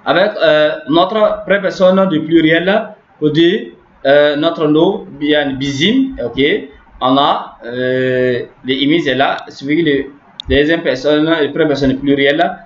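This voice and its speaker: A man teaches a language lesson in a slightly high voice, walking through grammar rules and repeating each point several times. The recording is echoey and dull, like a lo-fi room capture. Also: slow, slight background noise. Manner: repetitive, explaining step by step with frequent "n'est-ce pas".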